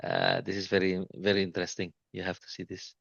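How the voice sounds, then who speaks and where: Low-voiced man teaching trading, halting. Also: completely flat delivery, creaky, a bit bright, husky, dry recording, muffled recording. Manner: halting, repeats "see, like this", many restarts. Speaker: trading mentor. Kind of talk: informal screen-share lesson.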